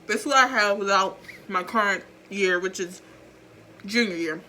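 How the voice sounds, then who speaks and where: Chatty teenage girl with a bright voice. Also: mid-range voice, moderate pace, slight background noise. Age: teens. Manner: rambling, chatty, self-mocking. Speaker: vlogger. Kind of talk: casual chat. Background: faint background music.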